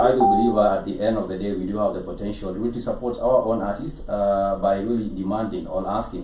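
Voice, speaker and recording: A Kenyan man interviews guests in a wordy, conversational way, switching between English and Swahili. His voice is mellow and speeds along, picked up at a distance in an echoing room with faint noise. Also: lowish voice. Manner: wordy, repeats himself, mixes English and Swahili. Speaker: interviewer, show host.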